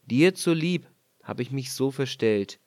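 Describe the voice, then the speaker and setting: A man's voice: a little high, big pitch swings, normal speed. A man reads aloud as a stern, bossy husband in a storybook tale. He scolds and commands in a firm, plain voice, lifting it now and then. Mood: gentle.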